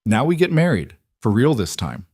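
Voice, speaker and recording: A man voicing an earnest, devoted single father who speaks gently. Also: medium pitch, huge pitch swings, normal speed, slightly rough, no room sound, clean studio sound.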